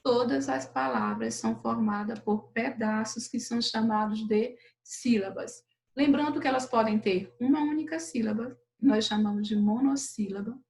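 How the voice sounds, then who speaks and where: A Brazilian woman teacher speaks in a slightly raised, friendly register to young pupils. She walks through the words patiently, drawing out syllables and pausing often to check that the children are following. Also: a little high, gravelly, a little mellow, rough recording. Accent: Brazilian Portuguese. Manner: patient, drawn-out syllables, frequent "beleza?" checks. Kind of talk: recorded remote lesson for children.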